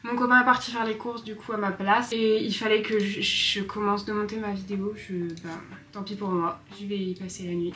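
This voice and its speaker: In her apartment living room, a young woman vlogger talks casually to the camera for a home vlog. Her mid-range voice has a sharp tone, and she rambles along with self-mocking asides.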